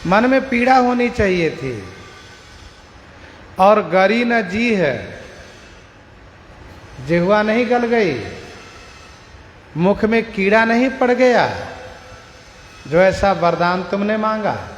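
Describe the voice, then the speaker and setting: A man giving a devotional scripture discourse, explaining verses slowly and repeating lines for emphasis. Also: high-pitched, very animated. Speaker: scripture expounder. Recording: echoey hall with long reverb and faint noise.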